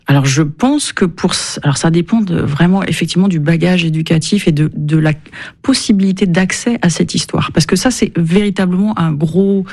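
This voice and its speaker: Gravelly-voiced woman answering thoughtfully. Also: fairly low pitch, normal speed, a little mellow. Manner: thoughtful, hesitant with many fillers. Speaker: guest expert. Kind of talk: radio interview answers.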